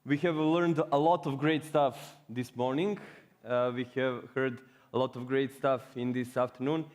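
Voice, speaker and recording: A man's voice: mid-range voice, fairly even intonation, unhurried, a little mellow. A man from Serbia with a Serbian accent, giving a playful, joking conference talk to a live audience. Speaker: conference speaker. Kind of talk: humorous presentation. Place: conference hall. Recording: reverberant hall.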